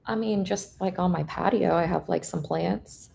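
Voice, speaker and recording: A young woman whose first language is Korean chats casually as a guest trader on a live stream. She is blunt and profane, uses lots of fillers and laughs often. Her voice is lowish, creaky and dark, at a moderate pace.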